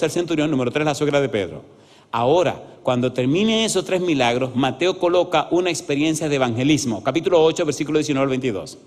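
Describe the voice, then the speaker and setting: A man preaching an animated sermon as pastor, often asking the congregation yes-or-no questions and acting out voices in his stories. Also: medium pitch. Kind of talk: lively evangelical sermon with acted-out stories. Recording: reverberant church hall.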